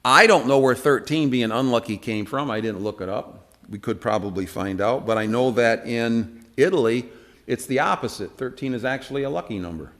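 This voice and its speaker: A man's voice: mid-range voice, normal speed, a bit bright. A man teaching an informal church Bible study, talking conversationally with many fillers and asking the room questions. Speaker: preacher teaching a Bible class.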